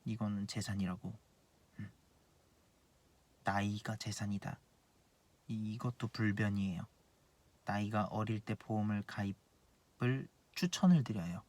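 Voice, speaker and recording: A man's voice: lowish voice, measured pace, pauses often, darkish tone. A man in his late twenties, an insurance planner, giving blunt, earnest advice in a casual monologue and repeating his key points. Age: 20s.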